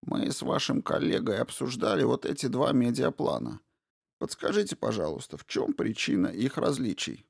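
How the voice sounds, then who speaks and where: A man's voice: medium pitch, very animated, moderate pace, creaky, slightly rough, no room sound, clean studio sound, heavily acted. A man voicing a sly male investigator who asks probing questions in an innocent tone.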